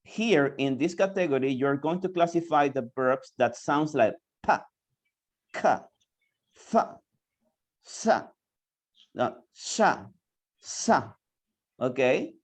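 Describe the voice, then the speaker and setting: Slow, patient teacher. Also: mid-range voice, expressive. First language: Spanish. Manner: repeats words slowly, coaxing students to answer. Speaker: English teacher. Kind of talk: online class, mixing English and Spanish. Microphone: video call.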